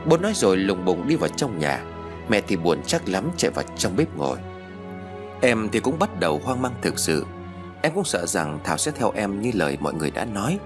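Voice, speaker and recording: A man narrating a ghost story in an expressive reading. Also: low voice. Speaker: audiobook narrator.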